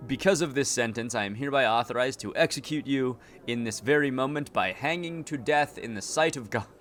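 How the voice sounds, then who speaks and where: A man's voice: mid-range voice, brisk, fairly bright tone, natural voice. A man acts a stern official handing down sentence in a horror game. The delivery is formal and solemn, with faint music underneath. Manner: formal, pronouncing. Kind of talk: reading out horror game dialogue.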